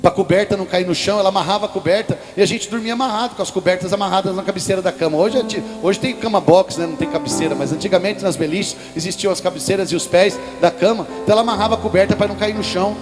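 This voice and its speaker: A man's voice: sits high, very fast, few pauses. A Brazilian man preaching at a religious event, telling a personal story and speaking directly to the congregation. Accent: Brazilian Portuguese. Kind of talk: sermon. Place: large hall at a religious event. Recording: live hall reverb with music behind.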